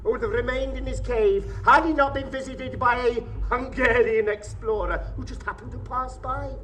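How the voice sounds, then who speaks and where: An actor playing a suave, gloating ancient vampire in a theatrical audio drama, speaking with pompous, mocking courtesy. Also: male voice, very high-pitched, fairly even intonation, normal speed, bright, forceful tone, a little hiss or hum. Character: Count Dracula, suave gloating ancient vampire posing as professor. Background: music.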